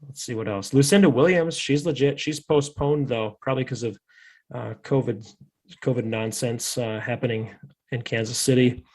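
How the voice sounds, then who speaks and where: A man's voice: medium pitch, moderate pace, a little mellow. A man from Fargo hosting a podcast, chatting in a rambling, easygoing and jokey way. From Fargo, North Dakota. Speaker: podcast host. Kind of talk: casual podcast chat.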